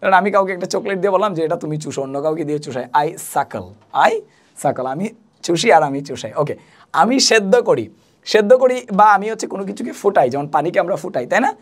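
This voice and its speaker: A young woman gives a spoken English lesson. Her voice sits slightly low and moves up and down a lot, and she patiently repeats each phrase and spells words letter by letter. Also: lively intonation, fast. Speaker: English teacher.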